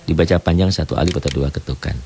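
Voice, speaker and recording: Man, low and gravelly, patient step-by-step recitation teacher, faint hiss behind. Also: warm tone. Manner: explains each rule step by step, chanting verses slowly. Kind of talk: radio tajwid lesson.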